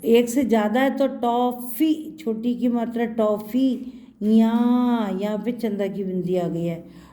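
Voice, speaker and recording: A woman's voice: fairly high pitch, slow, dark tone. A woman teaching Hindi to young children, patiently repeating words for them to echo and mixing in English words.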